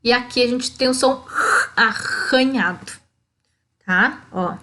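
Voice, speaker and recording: Here a Brazilian woman teaches a primary school lesson in a slightly high voice with a sharp tone and a Brazilian Portuguese accent. Her explanations come slowly and step by step, peppered with "ó" and check-ins of "tá?".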